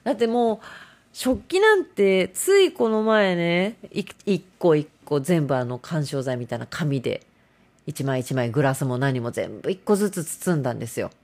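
A woman's voice: rumbling low, animated, brisk, mellow. A middle-aged woman hosts a casual solo talk show, rambling and self-mocking.

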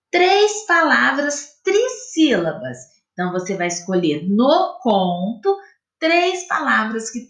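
Slow, lively Brazilian woman teacher. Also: high-pitched. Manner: slow, patient explaining, spelling out sounds and syllables. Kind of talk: recorded classroom lesson for pupils. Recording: echoey room.

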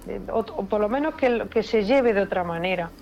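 Woman from Spain, mid pitch, expressive storyteller, muffled lo-fi sound. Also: fairly quick, slight background noise. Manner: expressive, repeats words for emphasis. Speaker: paranormal investigator guest. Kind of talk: emotional personal storytelling.

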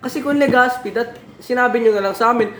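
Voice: mid-range voice, fast, fairly bright tone. A young co-host in a casual group chat, prodding the others with questions and chatty interjections. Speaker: podcast co-host. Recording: echoey room.

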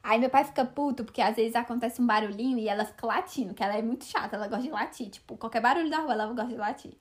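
A young woman co-hosting a casual podcast, telling lively stories and laughing often. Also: on the high side, very fast. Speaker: podcast co-host. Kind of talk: casual chat.

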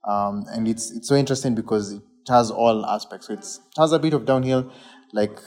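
A man's voice: lowish voice, a little fast, a little mellow. A man with a Kenyan accent talking casually as a guest about his riding hobby. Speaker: enduro mountain biker, guest. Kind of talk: casual conversation.

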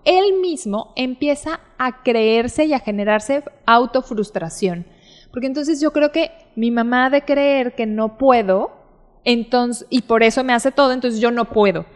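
A woman explaining child behavior in an animated talk show chat, acting out examples. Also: a little high. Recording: long hall reverb.

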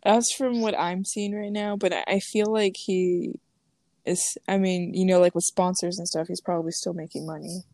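A woman's voice: on the low side, fairly even intonation, normal speed, mellow, no room sound, studio quality. A young woman co-hosting a podcast in casual chat, rambling with lots of fillers and frequent laughs. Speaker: podcast co-host.

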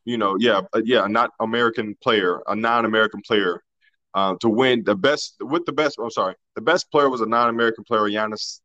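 A man's voice: lowish voice, brisk, pushed and bright, no echo, lo-fi sound. A man co-hosting a casual sports podcast, talking loosely and colloquially, often restarting his sentences.

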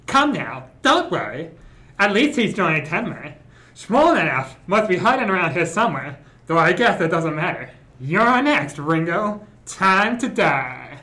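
A man's voice: high-pitched, big pitch swings, measured pace, bright, forceful tone, heavily acted, low-quality recording. A man voicing a smug aristocratic male villain in an amateur anime fan dub, pompous and mocking. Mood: gloating.

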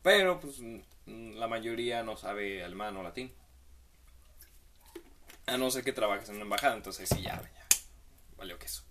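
A man's voice: lowish voice, lively intonation, moderate pace, pauses often, a bit bright, a little hiss or hum. A man hosting a comedic monologue, giving rambling, slangy advice with playful asides.

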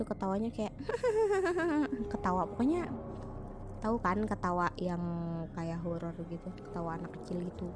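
A young woman, casually telling a ghost story in a chatty, slangy way, full of restarts and fillers. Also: mid-range voice. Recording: music playing underneath.

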